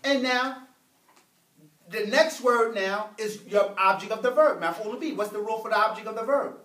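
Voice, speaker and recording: A man's voice: high-pitched, moderate pace, bright, forceful tone. A man teaching Arabic grammar to a small class, patient and explaining with everyday examples. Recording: echoey room, mic far off.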